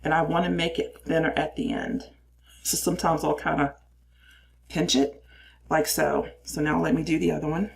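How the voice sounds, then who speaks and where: A woman's voice: sits low, flat delivery, moderate pace, vocal fry, a little hiss or hum. An older woman chatting casually through her makeup routine in a cramped little space, explaining as she goes and poking fun at herself. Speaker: makeup reviewer.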